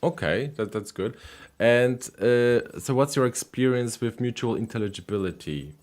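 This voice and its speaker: Speaking at normal speed with a medium-pitched voice, a man hosts a live call-in stream on language. He chats easily with callers, relaxed, leaning on fillers and repeating words often.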